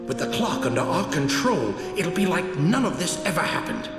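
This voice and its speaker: An actor playing a weary, remorseful older alien general in a video game, grave, earnest and dramatic. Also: male voice, a little high, big pitch swings, normal speed. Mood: pleading. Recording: echoey hall under loud music.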